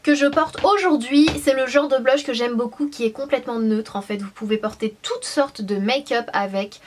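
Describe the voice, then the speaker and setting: A young woman talks through her favourite makeup in a casual, gushing tone. She pauses on fillers and restarts her sentences as she goes. Her voice sits slightly high. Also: slight background noise. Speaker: beauty vlogger. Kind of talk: casual product review.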